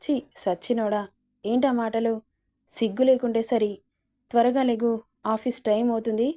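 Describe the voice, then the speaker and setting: Woman doing a scolding young wife, exasperated, pleady, mellow voice. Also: fairly high pitch, fairly even intonation, normal speed, lightly acted.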